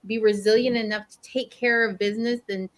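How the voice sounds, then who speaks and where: A woman's voice: a little high, steady tone, a little fast. A woman co-hosting a business podcast, talking in a friendly, conversational way and often checking in with "right?". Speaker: podcast co-host. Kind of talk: casual podcast chat.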